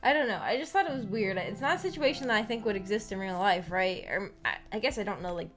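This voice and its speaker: Over background music, an American woman streams a visual novel book club, casually discussing a story with her viewers. Her medium-pitched voice is fairly bright, and her manner is giggly, halting, and tentative.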